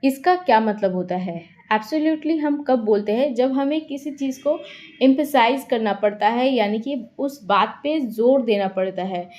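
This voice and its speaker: A woman teaching English vocabulary, explaining words slowly and stressing each example sentence. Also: fairly high pitch, darkish tone, dull audio. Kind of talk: vocabulary lesson.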